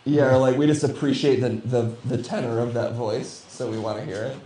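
A man co-hosting a gaming podcast in casual chat, animated and swearing freely. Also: medium pitch, brisk, slight background noise. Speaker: podcast co-host. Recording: roomy echo.

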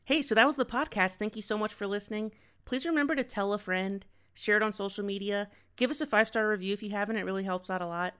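A man's voice: sits high, fast talker, sharp tone, smooth. A young adult man hosting a podcast, chatting in an enthusiastic, effusive way. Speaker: podcast host. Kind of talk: casual podcast interview.

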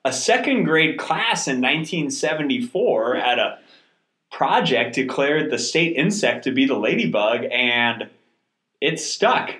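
A man's voice: medium pitch, very animated, a little slow, fairly bright tone, reverberant. A man co-hosting a travel podcast, chatting casually and joking with his co-host in a coworking space.

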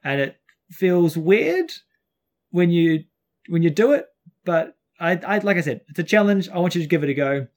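Higher-voiced man with a broad Kiwi accent. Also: lively intonation, normal speed, a little mellow. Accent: New Zealand. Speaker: podcast co-host and dance teacher. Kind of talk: casual podcast chat. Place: outdoors on a front deck at home.

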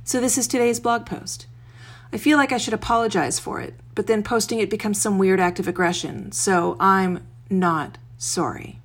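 A woman's voice: medium pitch, moderate pace. Wry woman recording under a blanket. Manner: wry, self-deprecating. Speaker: blogger recording an audio blog. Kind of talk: reading own blog post aloud, then informal remarks.

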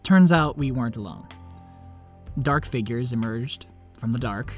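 A man's voice: medium pitch, lively intonation, a little slow, faint music behind. A man playing an awkward, lovelorn young vampire who narrates in a self-deprecating, confiding way. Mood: wry, ominous. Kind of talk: scripted first-person narration and dialogue.

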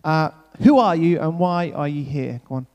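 An upbeat man hosts a casual stage interview in church, his voice sitting a little high for a man. Talk is loose and friendly, full of "yeah" and "brilliant", and it turns to spoken prayer. A long reverb trails each line in the large hall. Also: lively intonation, moderate pace, darkish tone, soft background music. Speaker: church leader hosting an on-stage welcome.

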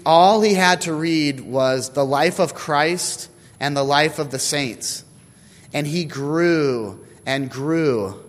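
A man's voice: a little high, a bit bright. Man preaching in an echoing church. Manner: conversational preaching with fillers. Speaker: priest. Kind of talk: scripture reading and homily.

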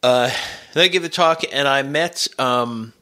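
A middle-aged man with a gravelly, congested voice from a cold, chatting casually and hesitantly as a podcast host. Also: mid-range voice, unhurried, pushed and bright. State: has a cold.

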